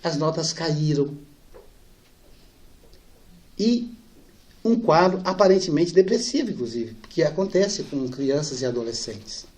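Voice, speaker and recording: Brief: middle-aged male spiritist speaker, animated storyteller, fairly high voice, acts out the dialogue. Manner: animated storyteller, acts out dialogue, drops soft and slow for sad parts. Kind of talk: storytelling lecture.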